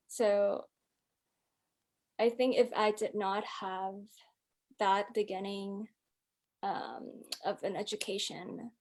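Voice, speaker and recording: A woman's voice: medium pitch, darkish tone. A woman from Hong Kong, a guest musician in an interview, speaking reflectively and filling her talk with "um" and "like". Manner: reflective, many fillers, hedging "like" and "um".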